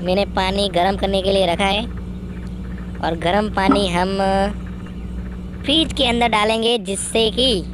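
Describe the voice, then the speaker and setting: A man's voice: sits high, fairly even intonation, measured pace, pauses often. A man voicing a boastful, bossy young man who brags and orders others around, as gaming commentary in character. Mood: impatient. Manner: bragging, impatient, bossing others around. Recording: noisy background.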